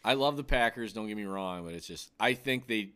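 A man in his thirties trading casual sports talk, blunt and profane, given to heated rants. His voice sits a bit low. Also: a little fast, bright, forceful tone, smooth. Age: 30s.

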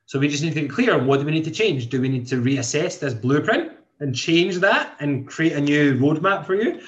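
A young man in his twenties hosting a motivational podcast, speaking earnestly and often restarting his sentences as he works through his ideas. His voice sits fairly high for a man. The recording sounds dull and lo-fi, with the upper frequencies muffled. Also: lively intonation, moderate pace. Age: 20s. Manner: earnest, thinks aloud with many restarts. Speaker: podcast host and coach.

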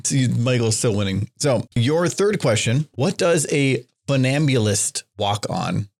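A man with an ordinary mid-pitched voice hosts a loose trivia game among friends. He reads each question plainly and then ribs the players about their guesses. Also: animated, a little slow, creaky, a little mellow. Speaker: quiz host. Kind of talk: casual group chat.

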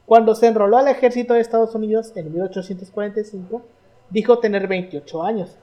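A woman's voice: mid-range voice, steady tone, fast, warm tone, muffled recording. A young woman with a Mexican accent, co-hosting a casual history chat, slangy and storytelling as she goes through her notes. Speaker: podcast co-host.

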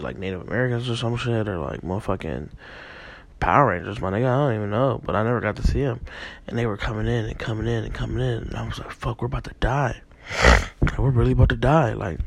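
Young male podcast host, husky and a bit sick, rambling and profane. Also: on the low side, darkish tone. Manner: rambling, profane, many fillers. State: a little sick. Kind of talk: casual dream recounting monologue.

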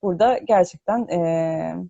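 A woman gives an unscripted religious talk in a soft, mellow voice. She explains step by step with thoughtful pauses. Her voice echoes as if in a cave, and the online audio is slightly muffled. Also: on the low side, gravelly. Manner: explanatory, hesitant with thinking pauses. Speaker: host of a religious discussion broadcast.

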